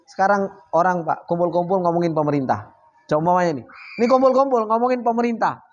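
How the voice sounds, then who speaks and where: A man teaching an Islamic study circle in a casual, lively way. He asks the audience rhetorical questions and reads Arabic phrases before explaining them. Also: high voice. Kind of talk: casual religious study talk.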